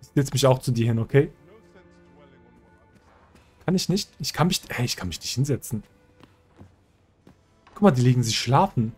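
Casting: Let's-Player, Mann, locker und verspielt, redet mit Spielfiguren. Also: male voice, medium pitch, lively intonation, moderate pace, pauses often, darkish tone, husky, soft background music. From German-speaking country. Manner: chatty and joking, talks to game characters. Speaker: let's play host. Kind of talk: casual gameplay commentary.

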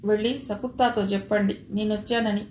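A fearless young man, as a woman narrator puts him on, snaps harsh, commanding threats. His voice sits mid-pitch with a roomy echo around it and a faint hiss underneath. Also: fairly even intonation, a little fast, darkish tone, natural voice. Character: bold, fearless young male hero, commanding.

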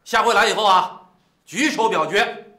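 An actor playing an older village head who runs a meeting and scolds the villagers in a commanding, folksy way. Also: male voice, high voice, moderate pace, reverberant, very noisy, close to an everyday voice. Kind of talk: TV drama acting.

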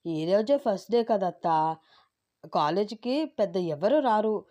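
A woman's voice: mid-range voice, animated, slow pace, lo-fi sound. A woman voicing an eager, dutiful young daughter-in-law in a storybook narration. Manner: bright, eager and insistent.

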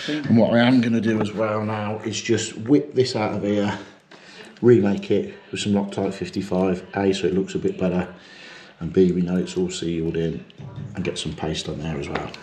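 A man's voice: lowish voice, darkish tone, slight background noise. A man, a plumber chatting and explaining as he works, a little self-mocking. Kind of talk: work vlog narration. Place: living room in a house, indoors.

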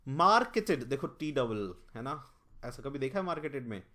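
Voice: medium pitch, very animated, normal speed, a bit bright. A teacher working through an exam-prep mock test, spelling words out letter by letter, thinking aloud and correcting themself, with English terms mixed in. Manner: corrects themself mid-explanation.

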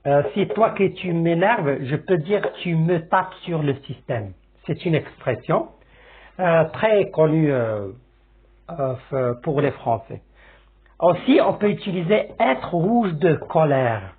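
A man with a Moroccan accent teaching a French lesson, explaining slowly and repeating examples, often checking that his listeners follow. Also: on the high side, lively intonation. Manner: slow, repetitive classroom explaining with checks like "c'est bon?". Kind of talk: language lesson. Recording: tinny phone-like sound.

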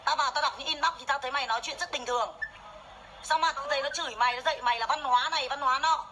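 A woman's voice: high voice, rapid-fire, pushed and bright, slight background noise, poor audio. A woman, ranting furiously and swearing nonstop during a makeup livestream on her phone. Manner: foul-mouthed, furious, scolding. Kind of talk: angry livestream rant. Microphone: phone camera during makeup livestream.

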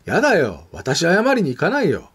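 A man's voice: on the high side, wildly swooping pitch, normal speed, a bit bright, breathy edge, pitched above the performer's own voice, heavily acted. A man voicing a stubborn, defiant little girl as he reads a picture book aloud, with a pouting, insistent manner.

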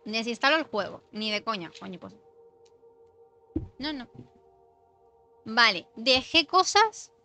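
Brief: young woman streamer, fairly high bright voice, chatty and reactive, faint game music underneath. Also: slow, pauses often. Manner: chatty and expressive, reacting to chat. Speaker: gaming streamer. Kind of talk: casual live-stream chat while playing.

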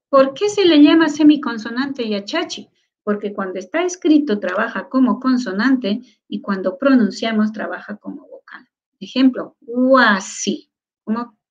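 A woman teaching a lecture on Quechua, sounding out syllables slowly and often stopping to ask whether her listeners follow. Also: a little high, muffled recording. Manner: asks many rhetorical check questions. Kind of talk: online lecture.

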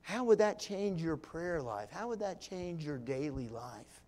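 A man preaches slowly to his congregation in a slightly high voice, taking long pauses. He sinks to hushed near-whispers, then swells to loud, fervent climaxes. Folksy asides and small laughs lighten his delivery. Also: very animated. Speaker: pastor. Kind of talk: sermon. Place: church sanctuary.

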